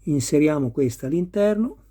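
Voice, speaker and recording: A man's voice: a little high, lively intonation, moderate pace, mellow. A man talking viewers through assembling a scale model car step by step, patient and careful with each detail. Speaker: model kit builder. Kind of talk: hands-on assembly tutorial.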